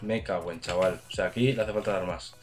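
Excitable Spanish man gaming. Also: low voice, fairly quick, faint music behind. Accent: Spain Spanish. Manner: excitable, swearing, cheering on teammates. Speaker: gaming channel host. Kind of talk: casual gameplay commentary.

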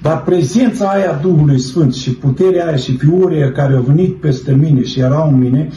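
A middle-aged man gives an earnest, fervent religious testimony, telling his story and addressing his listeners as brethren. His voice has a fairly high pitch and a dark tone. The recording sounds roomy and dull, with slight noise.

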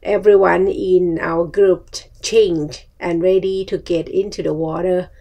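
Middle-aged female vlogger, Thai accent, unhurried halting delivery in short bursts, lowish pitch, personal storytelling. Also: fairly even intonation, warm tone. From Thailand. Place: small furnished room at home, indoors.

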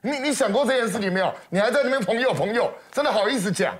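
A man's voice: sits high, animated, quick pace. A man with a Taiwanese Mandarin accent giving heated talk show commentary in a television studio, scornful and full of sarcastic rhetorical questions. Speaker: political commentator.

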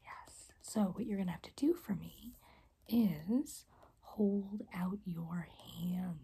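Breathy whispered role-play, young woman as gentle fairy. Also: mid-range voice, slow. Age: young adult. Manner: gentle, reassuring. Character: caring, soft-spoken rainbow fairy guide. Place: small room indoors.

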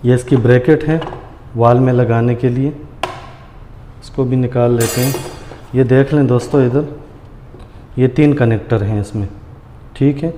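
A medium-pitched male voice, unhurried and marked by long pauses, leads a casual hands-on tutorial. The host goes step by step and talks to viewers as friends, his hands busy at a granite counter in a tiled room. Noise and echo from the hard walls fill the recording.

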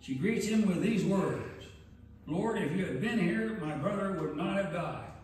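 Male pastor, earnest measured sermon delivery, recorded far off in a very reverberant church. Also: high voice, lively intonation, a little mellow, a little hiss or hum. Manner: earnest, measured preaching with emphatic pauses. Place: large church sanctuary.

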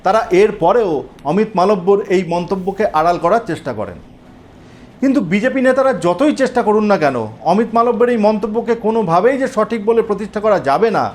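A man narrating a political news report in a steady, earnest scripted delivery that addresses viewers as friends. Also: high-pitched.

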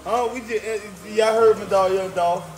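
A man's voice: high voice, steady tone, normal speed. A man in brash, bossy party chat, swearing heavily as he addresses a group. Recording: loud crowd and music behind. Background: party crowd and music.

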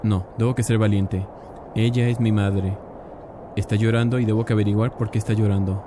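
A man casually commentating a game, chatty and excitable, talking to his viewers. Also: on the low side, a little fast, noisy background. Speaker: gaming youtuber. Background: game music.

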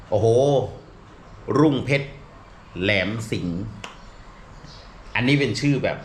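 A middle-aged male comedian talks things through in a loose, meandering way, peppering his speech with fillers and polite particles. His voice sits on the low side, and the room rings around him. A faint hum of ambience stays behind him. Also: echoey room. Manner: rambling, many fillers and restarts, polite particles. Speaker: comedian and show regular. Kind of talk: casual explanatory talk.

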